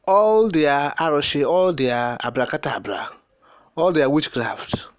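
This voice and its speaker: A man with a Nigerian accent and a medium-pitched voice delivers impassioned, unscripted political commentary. His style is emphatic and oratorical, repeating and stacking words for emphasis. The recording is dry.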